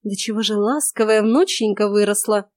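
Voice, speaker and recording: A woman's voice: medium pitch, normal speed, no echo, clean studio sound, lightly acted. A woman voicing an imperious, sly old witch grandmother who drawls her orders. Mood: commanding.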